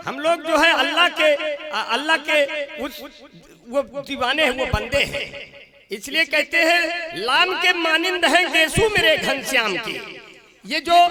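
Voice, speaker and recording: A man performing as a poet at a large gathering, reciting couplets and singing some of them in long, drawn-out lines, with jokey asides in between that swell loud on the punchlines. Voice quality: high-pitched, drawn-out sung couplets. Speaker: poet at a mushaira. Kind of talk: poetry recital with banter, partly sung. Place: outdoor poetry gathering with a large crowd. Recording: crowd noise behind a stage mic. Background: audience crowd.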